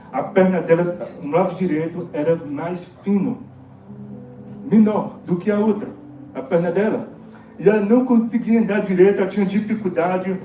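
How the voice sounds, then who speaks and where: High, dark-toned Brazilian pastor preaching in an echoey church. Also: male voice. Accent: Brazilian Portuguese. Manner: emphatic, prompts the congregation with questions. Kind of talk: testimony sermon. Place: church service hall. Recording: echoey hall, distant dull mic, music behind.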